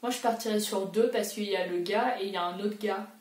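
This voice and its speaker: A woman's voice: mid-range voice, fairly quick, reverberant, distant mic. A young woman thinking aloud in a casual vlog, chatty and self-mocking as she answers quiz questions. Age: young adult. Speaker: booktuber.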